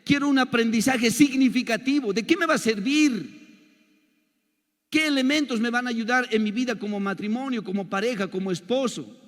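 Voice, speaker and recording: An older man teaching a church seminar as a pastor, telling animated stories and asking his audience rhetorical questions. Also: very high voice, long reverb tail. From Bolivia. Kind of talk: seminar lecture to a congregation.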